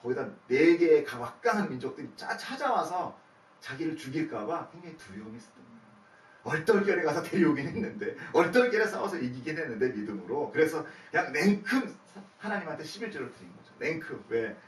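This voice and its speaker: A man's voice: fairly high pitch, fast talker. A man preaching a casual sermon who acts out the voices in the story, chuckles and asks his listeners questions. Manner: lively, acts out God's and Abraham's lines in conversation. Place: church worship room. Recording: echoey church hall, mic at a distance.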